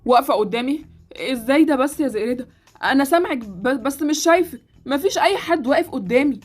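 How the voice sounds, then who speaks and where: Figure: a woman playing a loud gamer boy. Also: high-pitched, fast talker, soft background music. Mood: alarmed. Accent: Egyptian Arabic. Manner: loud, dismissive, excitable.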